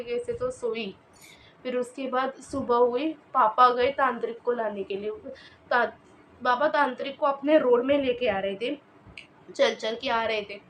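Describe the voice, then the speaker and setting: A woman casually telling a horror story, her speech hesitant and full of fillers and restarts. Her voice sits a little high. Faint background noise is heard. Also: poor audio.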